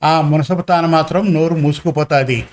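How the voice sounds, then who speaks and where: A man's voice: a little high, steady tone, normal speed, lightly acted. A man voicing a grieving village mother. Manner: scolding, pleading village talk. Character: poor village woman, a grieving, anxious mother.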